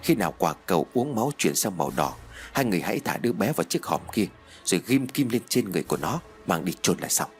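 A man voicing a ruthless male sorcerer who speaks low and grave, with muttering menace. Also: big pitch swings, fast, soft background music. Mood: grim.

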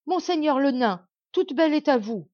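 A woman's voice: mid-range voice, normal speed, dry recording, lo-fi sound, close to an everyday voice. A woman voicing a frightened, grieving queen who pleads and laments in a storybook reading. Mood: pleading.

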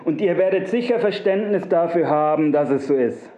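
A man's voice: a little high, moderate pace, mellow, close to an everyday voice. A man doing a smug wrinkled little gnome. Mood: coaxing. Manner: coaxing, long-winded, repetitive. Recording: roomy, dull lo-fi recording.

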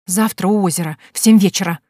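A woman's voice: medium pitch, quick pace, dark tone, dry recording, clean studio sound, close to an everyday voice. A woman reading an audiobook voices a shy young woman who speaks breathlessly and pleadingly. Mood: flustered.

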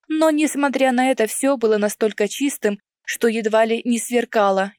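A woman's voice: fairly high pitch, darkish tone, no echo, studio quality. A woman narrating a first-person audiobook in a wry, conversational storytelling manner.

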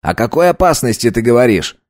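A man reading an audiobook, voicing a calm, sardonic young man in his own voice. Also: medium pitch, brisk, no room sound. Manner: calm, dry. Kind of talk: audiobook character voice.

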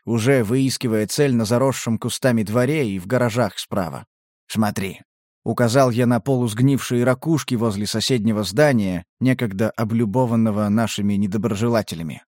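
A man narrates a first-person audiobook in a tense, dramatic way, at a middle pitch. The recording is close and dry, with no room sound. It is a plain studio reading. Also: a little mellow, no echo.

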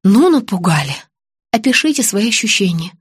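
A woman's voice: mid-range voice, very animated, moderate pace, slightly rough, no echo, studio quality. A woman reading an audiobook, voicing a female dentist who coos endearments while insisting firmly. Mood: anxious. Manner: cooing, insistent. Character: dentist woman, adult, sugary and pushy.

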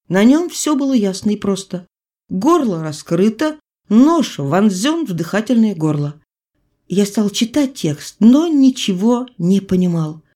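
A woman narrating a literary story in a measured, even manner. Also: medium pitch. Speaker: audiobook reader.

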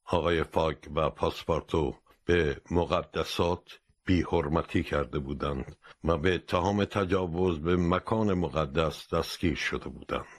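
A man narrating an abridged classic novel as an audiobook, in a steady, even storytelling voice. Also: rumbling low, no echo.

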